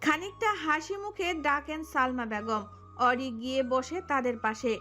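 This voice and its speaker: A woman narrating a romantic audio story in an expressive storytelling manner. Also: sits high, unhurried, faint music behind.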